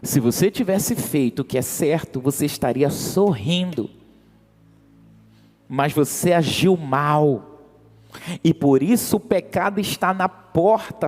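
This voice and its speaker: A man preaching who voices God as a slow, grave figure giving a solemn warning. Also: mid-range voice, gravelly, dark tone, slightly rough, big-room sound, voice pushed down.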